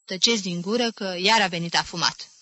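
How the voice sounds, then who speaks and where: A hot-tempered older woman fires back with cross, wry remarks, as a woman acts her out in an audiobook. The voice is bright and the recording dry and close. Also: fairly low pitch, dry recording. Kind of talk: audiobook reading.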